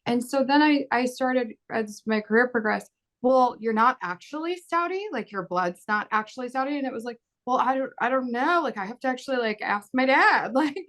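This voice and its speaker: A woman in her thirties from a Bahraini upbringing, appearing as an actor on a panel, talks at a fairly high pitch and a fairly quick pace. She's casual and animated, laughing frequently as she acts out quoted lines.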